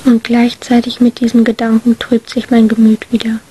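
A woman narrating an emotional first-person story in a whispered role-play, hushed and breathy. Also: a little high, monotone, normal speed. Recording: faint hiss.

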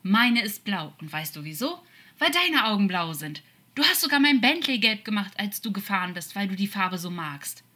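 A woman's voice: low voice, monotone, normal speed, hardly any pauses, sharp tone, husky, exaggerated voice. A woman voicing a hurt, sarcastic male demon who hisses, pleads and jokes through his worry, in an audiobook fan-fiction reading. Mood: pleading. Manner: hissing, pleading, forced joking.

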